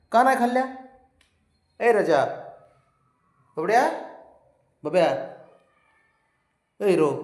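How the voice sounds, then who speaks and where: A man coaxing his pet cat in affectionate, sing-song baby talk, calling it over and over. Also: high voice. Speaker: cat owner. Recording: roomy echo.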